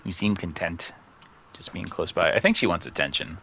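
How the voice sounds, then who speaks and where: A man giving casual let's-play commentary at home, chatty and quick to laugh, chatting about his cat as he plays. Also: low-pitched, animated, vocal fry, a bit bright, a little hiss or hum. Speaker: gaming streamer. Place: at home near a couch.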